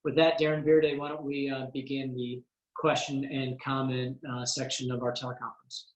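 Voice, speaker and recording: A man, a congressman, briefing constituents over a conference call in a measured way, pausing often on "uh" and going through items one by one. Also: medium pitch, level tone. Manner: measured, frequent "uh" fillers, lists items one by one. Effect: heard over a conference call line. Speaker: congressman hosting a teleconference. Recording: roomy echo on a conference call.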